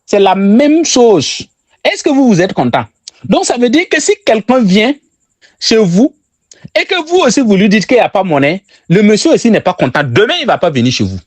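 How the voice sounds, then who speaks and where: Lively high-voiced Burkinabè man teaching sales. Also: moderate pace, no echo. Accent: Burkinabè French. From Burkina Faso. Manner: repeats key phrases for emphasis, addresses listeners directly. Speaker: sales trainer.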